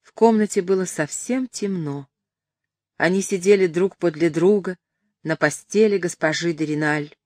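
Brief: female audiobook narrator, low voice, dry close sound. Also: moderate pace, a little mellow, dry recording. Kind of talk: audiobook narration of a classic novel.

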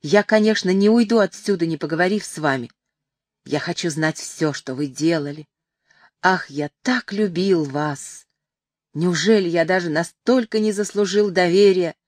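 A woman's voice: on the low side, moderate pace, a little mellow, no echo, studio quality, natural voice. A woman reading as a pleading young lover. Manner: pleading, emotional. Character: passionate young male lover, pleading and tearful. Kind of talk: audiobook reading.

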